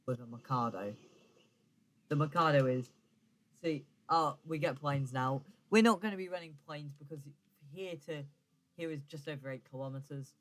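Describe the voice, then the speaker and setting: A young man talks through a game he is playing, in a voice pitched a little high. His commentary is casual and rambling, full of ums, restarts and quick self-corrections as he thinks out loud. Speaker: gaming YouTuber.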